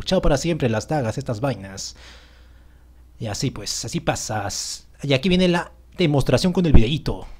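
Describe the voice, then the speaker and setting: Excitable man calling gameplay. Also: on the high side. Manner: excitable, repeats words rapidly when hyped. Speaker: gaming channel host. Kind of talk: gameplay commentary over video clips.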